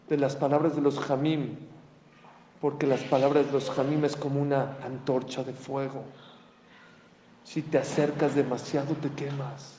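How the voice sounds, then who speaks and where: A man's voice: a little high, warm tone. A man giving a sermon as a rabbi, asking rhetorical questions and rising to emphatic outbursts. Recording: echoey hall, faint ambience.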